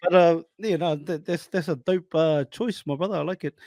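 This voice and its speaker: Kiwi bloke podcast host, broad accent, slightly high voice, matey slang, really dry sound. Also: male voice, normal speed, dark tone, dry recording. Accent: broad New Zealand. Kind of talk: casual interview chat.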